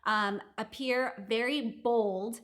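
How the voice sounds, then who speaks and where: Bright upbeat young woman host. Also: on the high side, fairly even intonation, takes it slowly. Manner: upbeat, laughs often. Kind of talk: live stream chat. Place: office.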